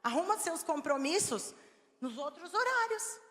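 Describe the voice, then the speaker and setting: A Brazilian woman preaching with a high, bright voice. Her delivery is animated, dropping to soft coaxing and then rising to firm, loud emphasis. The sound carries the long reverb of a large church hall. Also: measured pace. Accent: Brazilian Portuguese. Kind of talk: sermon.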